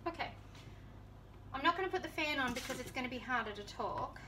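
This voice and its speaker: A woman's voice: sits high, animated, fairly quick, recorded from a distance, background noise. A woman in her thirties chatting casually to viewers as she cooks in her home kitchen. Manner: chatty, easygoing, talks to viewers while cooking. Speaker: home cooking vlogger. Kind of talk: casual cooking demonstration.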